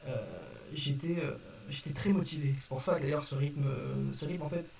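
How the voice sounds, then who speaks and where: A young man on video explains things to his viewers casually and without a script, sounding hesitant and apologetic as he corrects himself. His voice runs on the high side, gravelly and a little mellow, with fairly even intonation at a moderate pace. The sound is roomy and distant with faint noise.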